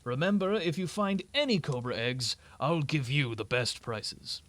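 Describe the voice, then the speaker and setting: A man's voice: on the high side, expressive, a little slow, fairly bright tone. A man putting on an old man's voice to read out a scheming game merchant's lines. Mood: salesy. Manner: creaky put-on old man voice. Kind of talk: reading game dialogue aloud in voices.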